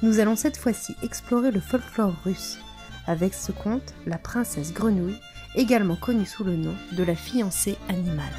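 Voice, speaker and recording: Female storyteller, gentle and soothing read-aloud delivery, medium pitch. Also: normal speed, music in the background. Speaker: storyteller for a museum.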